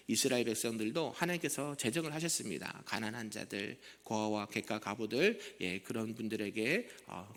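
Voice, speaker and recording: A man's voice: mid-range voice, big-room sound. A male senior pastor giving an early morning prayer sermon, conversational, often putting questions to the congregation. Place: church sanctuary.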